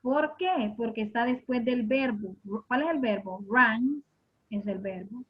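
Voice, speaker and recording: A woman's voice: on the high side, unhurried, slightly rough. A woman teaching an English grammar lesson, patiently explaining and repeating questions to her students. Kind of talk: classroom lesson. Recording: muffled lo-fi recording.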